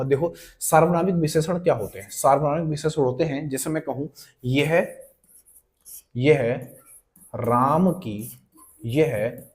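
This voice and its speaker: A man teaching an online exam-prep grammar lesson, talking to students like friends, checking that they follow and slowly repeating key words and example sentences. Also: on the high side, a little mellow. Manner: conversational and coaxing, checks in with students often.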